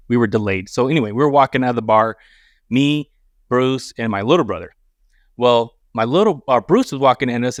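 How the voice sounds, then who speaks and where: A man's voice: medium pitch, no room sound, clean studio sound. Man telling a rowdy bar story. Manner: animated, profane, acts out dialogue. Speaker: podcast guest. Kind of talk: casual storytelling.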